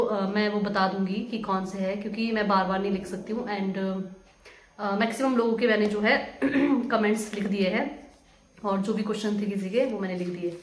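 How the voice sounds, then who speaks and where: Chatty young woman vlogging in an echoey room. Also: mid-range voice. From Himachal Pradesh, India. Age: 20s. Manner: chatty, hesitant with many fillers, laughs at questions. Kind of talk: casual Q&A vlog. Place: home room.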